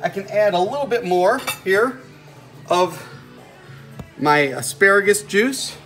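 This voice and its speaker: A man's voice: high-pitched, lively intonation, takes it slowly, a bit bright, soft background music. Man demonstrating home cooking. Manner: folksy, step-by-step explaining while stirring. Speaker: home cooking show host. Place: home kitchen indoors.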